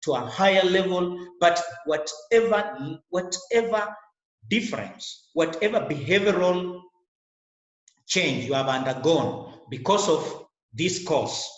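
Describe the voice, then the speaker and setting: A middle-aged lecturer with a Kenyan English accent and a Kenyan first language talks earnestly to a webcam, taking it slowly and repeating himself. His high-pitched voice is expressive, but the highs are cut off. He's in a small indoor room with noticeable echo.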